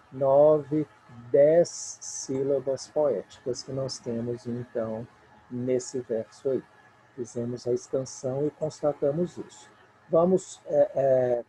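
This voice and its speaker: A man's voice: mid-range voice, mellow, a little hiss or hum, low-quality recording. A man with a Brazilian Portuguese accent teaching a recorded remote lesson, patiently counting poetic syllables aloud.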